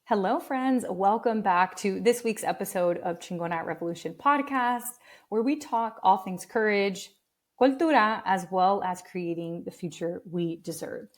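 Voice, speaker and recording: A woman's voice: mid-range voice, normal speed. A woman hosting a podcast, reading an introduction in an upbeat, emphatic way. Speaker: podcast host and coach.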